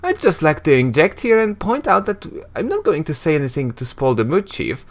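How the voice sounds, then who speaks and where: A man's voice: fairly high pitch, sing-song, a little fast, voice pushed up. A man voicing a wisecracking floating skull in a game, chatty and cheeky.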